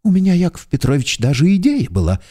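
A man's voice: fairly high pitch, wildly swooping pitch, quick pace, dark tone, breathy edge, voice pushed up, full character voice. A man voicing a timid, fawning middle-aged clerk who keeps pleading humbly and formally for forgiveness in an audiobook. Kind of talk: audiobook character voice.

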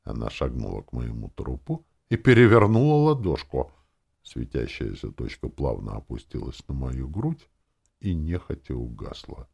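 Мужчина читает фэнтези-аудиокнигу от первого лица, драматично, то мрачно, то насмешливо. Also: male voice, a bass voice, very animated, moderate pace, vocal fry, a little mellow, husky. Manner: dramatic, swinging between grim and mocking. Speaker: audiobook narrator. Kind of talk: first-person audiobook narration.

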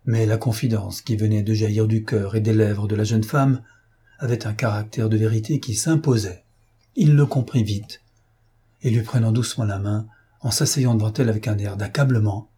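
Husky-voiced male audiobook narrator. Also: fairly low pitch, steady tone, moderate pace, mellow.

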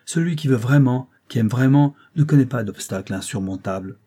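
A man's voice: medium pitch, a little fast, dark tone, lightly acted. A man reading a novel aloud and voicing a proud, strong-willed young actress who speaks curtly and with command. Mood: firm. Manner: curt, commanding, defiant.

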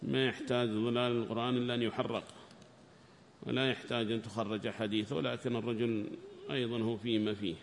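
A male scholar teaching a tafsir lesson, reading passages aloud in a raised voice and then explaining them quietly. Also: medium pitch, flat delivery, fast talker, vocal fry, long reverb tail, slight background noise. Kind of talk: classroom lesson commentary.

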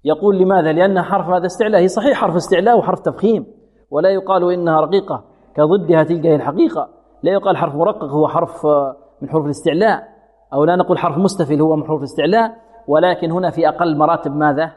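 A man teaching Quran recitation rules. He asks his students questions and answers them himself, and he recites verses slowly as examples. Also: a little high, darkish tone. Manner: has students repeat sounds after him. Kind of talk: tajweed lesson with slow recited examples. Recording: phone-like audio with long hall reverb.

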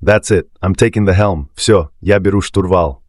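A man's voice: sits low, moderate pace, a little mellow, no echo, studio quality, natural voice. A man voicing a decisive male sea captain who gives short, firm commands. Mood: curt. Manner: curt, commanding.

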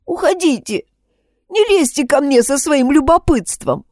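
A woman's voice: high voice, very animated, measured pace, darkish tone, no room sound, studio quality, pitched above the performer's own voice. A woman reading an audiobook, voicing a distraught teenage schoolgirl who pleads and sobs. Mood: desperate. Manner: pleading, sobbing outbursts.

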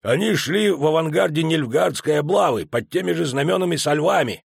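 A man playing a blunt dwarf soldier from a fantasy storybook. His talk is dry and knowing, with a gravelly, husky rasp. The reading is dry and close. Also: fairly high pitch, animated, a little fast, no echo, exaggerated voice. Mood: grumbling.

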